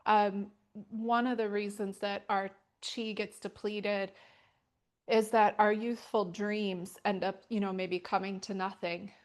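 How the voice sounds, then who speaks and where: Woman talking casually with a flat pitch. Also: takes it slowly. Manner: rambling, many fillers like um and like. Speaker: yoga teacher and storyteller. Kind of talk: casual teaching talk. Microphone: wearing a microphone.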